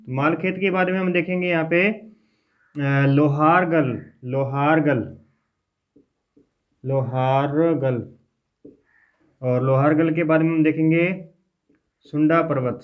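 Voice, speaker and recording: A man teaching a geography class in a casual lecture style. He dictates lists and repeats each name slowly for his students. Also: fairly high pitch. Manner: talks informally to students while teaching. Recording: dull lo-fi classroom recording.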